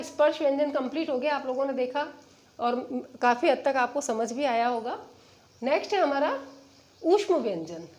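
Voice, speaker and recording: A woman teaching a lesson from a chart. She says the letters slowly one by one and asks her students questions, then answers them herself. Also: high-pitched, a little mellow.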